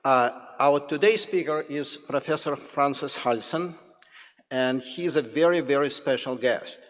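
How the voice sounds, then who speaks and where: A man with a Russian accent giving a joking, formal introduction to a public lecture, pausing and restarting often. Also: fairly high pitch. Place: large lecture hall. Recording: lecture hall with long reverb.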